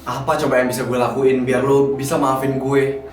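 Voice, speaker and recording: A man's voice: medium pitch, flat delivery, moderate pace, natural voice. A man playing regretful young man Dev. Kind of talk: amateur drama acting. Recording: roomy distant mic with music.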